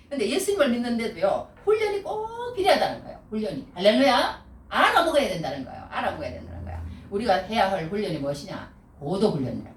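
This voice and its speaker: A middle-aged woman preaching a sermon, animated and repeating key phrases, often calling out hallelujah. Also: on the high side, a little hiss or hum. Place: church sanctuary. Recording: echoey room, voice from far off mic. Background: congregation responding.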